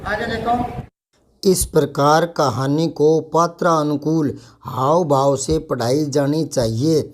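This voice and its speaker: A man reading a formal, scripted voice-over in a measured way. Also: fairly high pitch, darkish tone.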